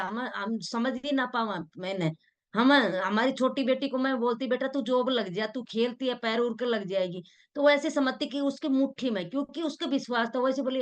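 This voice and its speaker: A middle-aged woman giving an earnest, homespun motivational talk, slipping into local dialect. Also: fairly high pitch. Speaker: motivational speaker.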